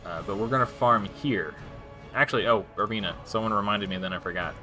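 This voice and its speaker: A man's voice: on the low side, fairly quick, bright, forceful tone, soft background music. A man streaming live and casually commenting on his gameplay, rambling with frequent restarts and self-corrections. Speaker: game streamer.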